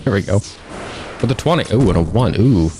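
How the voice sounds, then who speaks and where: A man's voice: on the low side, animated, fairly quick, background noise. A man streaming a video game, chatting casually and joking as he plays. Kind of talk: casual gameplay commentary.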